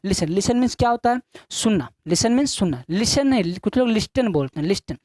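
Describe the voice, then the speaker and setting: A woman's voice: mid-range voice, lively intonation, quick pace, mellow, dry recording. A woman teaching an English lesson, asking questions and answering them herself, repeating each point to her students. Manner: repetitive drilling, addressing students as children. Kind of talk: classroom-style video lesson.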